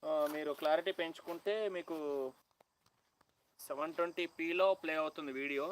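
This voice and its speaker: A young man from Telangana with a Telangana Telugu accent, chatting loudly with viewers on a phone live stream outdoors on a college campus, half-shouting and greeting people by name. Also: fairly high pitch, fairly even intonation, brisk, a little hiss or hum, poor audio. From Telangana, India. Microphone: phone held at hand, no external mic.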